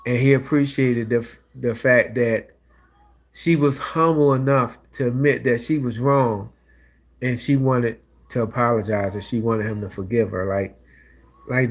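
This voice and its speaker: Slow-talking stuffy-nosed man. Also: mid-range voice. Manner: loose, rambling, frequent restarts and fillers. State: stuffy nose. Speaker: music reaction vlogger. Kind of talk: casual reaction chat.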